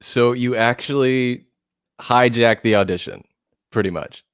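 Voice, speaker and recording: A man's voice: mid-range voice, unhurried, smooth, no room sound, clean studio sound. A man hosting a casual podcast interview, chatty and enthusiastic. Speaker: podcast host.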